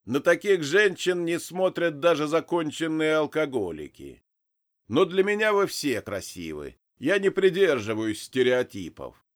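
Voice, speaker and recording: A sly demon boss who trades in souls, put on by a male reader, gloating and sneering in a raised, loud, lively voice. He savours every cruel word and laughs at the people in front of him. It suits a storybook read aloud. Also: a little high, measured pace, pitched above the performer's own voice.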